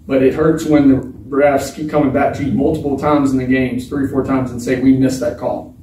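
A man in his thirties, a football quarterback, answering reporters at a post-game press conference in a frank, halting way with many restarts. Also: medium pitch, little pitch movement, warm tone, a little hiss or hum. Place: small press room with bare walls. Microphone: table mic, filmed from across the room. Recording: echoey room from a distance.

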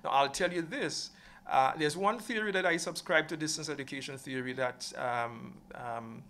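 A man speaking as a panelist in an academic discussion over a video call, hesitant and filling pauses with "um". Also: on the high side, bright, forceful tone, a little hiss or hum. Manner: hesitant, many fillers.

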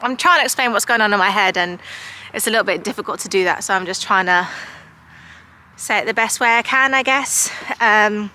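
A woman's voice: mid-range voice, fairly quick, sharp tone, a little hiss or hum. A woman in her thirties, talking casually and frankly to camera as a vlogger, rambling with lots of "like" and "um". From United Kingdom. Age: 30s. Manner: rambling, filled with likes and ums; frank, confiding.

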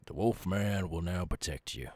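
In an intimate audio roleplay, a man plays a gruff werewolf from the South, his voice extremely low, gravelly and husky. He speaks softly and haltingly, lonely yet gentle, sounding grateful and earnest, with no room sound at all.

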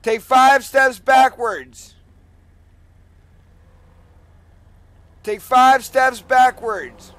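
A man shouting drawn-out, commanding police orders as if over a bullhorn in a game role-play. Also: extremely high pitch, fairly even intonation, dry recording. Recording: noisy game audio with vehicle sounds.

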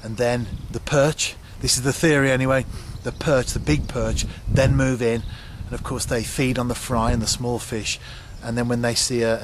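A middle-aged man casually explaining his fishing to a handheld camcorder outdoors on a canal bank, relaxed and chatty with frequent ums. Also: mid-range voice. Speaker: angler vlogger. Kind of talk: casual fishing vlog to camera. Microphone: camcorder at arm's length. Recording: outdoor camcorder with clear background noise.

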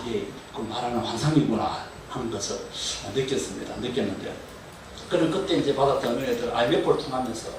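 An older man gives a church testimony, earnest and often chuckling. His pitch rises and falls widely as he tells his story. He is heard from a distance in a very echoey hall, with steady noise behind him. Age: 60s. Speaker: deacon giving a testimony.

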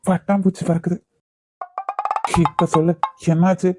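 A woman voicing a gentle, caring young man in a cartoon love story, talking in a soft, teasing and reassuring way. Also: on the low side, little pitch movement, moderate pace, noisy background, natural voice. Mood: tender teasing. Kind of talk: cartoon voice acting.

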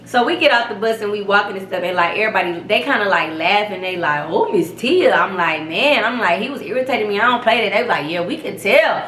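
A young woman hosting her own vlog, telling a story in a profane, emphatic, animated way. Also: mid-range voice, fast, few pauses, reverberant, a little hiss or hum. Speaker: vlog host. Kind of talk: casual storytelling rant.

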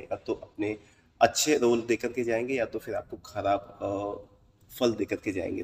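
A man hosting his own channel, explaining the meanings of dreams in a measured way, often pausing with "uh". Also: on the low side, big-room sound, distant mic. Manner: measured and explanatory, with frequent "uh" pauses. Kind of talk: explanatory talk to camera audience.

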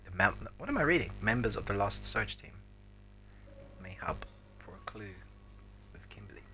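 A game streamer in his thirties gives casual commentary on his gameplay, reacting with wry mutters from a small indoor room. His low voice is very animated and moderately paced. Faint game ambience and background noise sit behind him.

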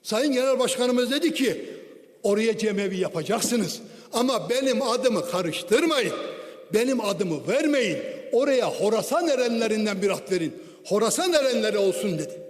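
A man's voice: sits high, lively intonation, normal speed. A man, a member of parliament, giving a formal, declamatory speech at a lectern microphone in a large parliament chamber. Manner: declamatory, with rhetorical questions. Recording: long hall reverb.

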